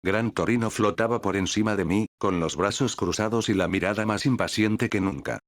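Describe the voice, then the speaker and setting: A man's voice: fairly low pitch, normal speed, dry recording, clean studio sound. A man narrating a first-person fan story in a wry, casual manner. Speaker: fanfic narrator.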